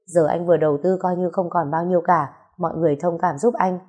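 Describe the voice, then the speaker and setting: A woman's voice: lowish voice, steady tone, fast talker, a little mellow, husky. A woman reading the part of a firm, earnest middle-aged man pressing his mother. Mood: grave. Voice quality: earnest, persuasive.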